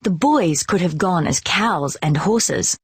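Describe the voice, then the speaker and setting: Slow, husky woman reading a storybook. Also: fairly low pitch, dry recording, studio quality. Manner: slow, expressive, clearly paced delivery. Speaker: storybook reader.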